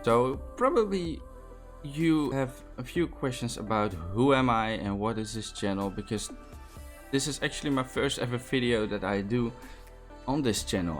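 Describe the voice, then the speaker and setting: With an expressive, mid-range voice at normal speed, a young Dutch-accented man from the Netherlands hosts a Minecraft building tutorial. He chats casually and enthusiastically about the build, often using fillers and restarting sentences, over faint background music.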